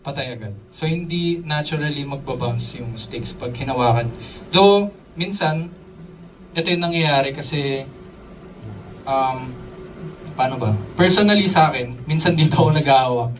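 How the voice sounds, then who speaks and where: A man teaches a live drum workshop at a moderate pace in a mid-range voice, keeping it casual, quizzing the audience, and dropping in English terms. Faint music plays behind him, drums are in the room, and his voice is distant from the mic.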